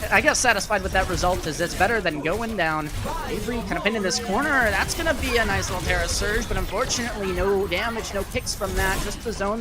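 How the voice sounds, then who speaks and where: Calling live play-by-play in a medium-pitched voice, this esports commentator stays chatty and turns animated along with the game.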